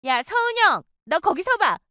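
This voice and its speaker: A woman's voice: sits high, very animated, normal speed, dry recording, studio quality, voice pushed up. A woman voicing a jealous, taunting young woman who gloats over stealing her friend's ex. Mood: gloating. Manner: smug, gloating and needling. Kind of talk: storytelling with acted dialogue.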